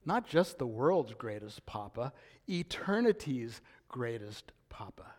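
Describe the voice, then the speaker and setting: An older man preaching a sermon, reading scripture aloud and swinging between loud, emphatic declarations and hushed, near-whispered lines. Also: medium pitch, very animated, takes it slowly. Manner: reads scripture aloud with rising intensity. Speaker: pastor.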